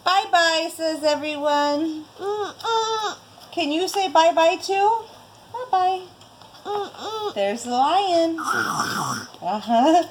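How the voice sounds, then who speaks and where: A woman reads to a small child at home in a very slow, sing-song voice that swoops up and down. Her tone is coaxing baby talk, and the sound is a home video with a faint hiss behind it. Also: sits high, animated, darkish tone. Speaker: parent reading a picture book to a toddler.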